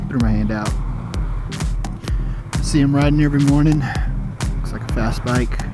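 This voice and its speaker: A man's voice: mid-range voice, moderate pace, over music. A man talking casually and rambling to viewers from inside a helmet while riding a motorcycle, picked up by a helmet microphone. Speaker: motorcycle vlogger. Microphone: helmet headset microphone.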